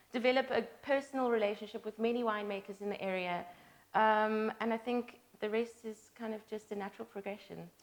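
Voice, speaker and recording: A young woman from South Africa, a sommelier, answering interview questions hesitantly with many fillers. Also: a little high. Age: young adult.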